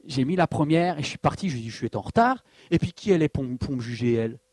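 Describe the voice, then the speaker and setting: A man's voice: on the high side, quick pace, no echo. A man preaching a sermon as pastor, mixing personal stories with rhetorical questions and sudden bursts of emphasis. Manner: animated preaching with personal anecdotes, rhetorical questions and acted quotes.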